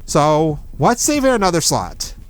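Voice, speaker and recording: A man's voice: on the high side, sing-song, measured pace. A young man casually commenting on a game he is playing, chatty and giving strategy tips. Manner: chatty, gives strategy tips, self-correcting. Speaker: let's play host.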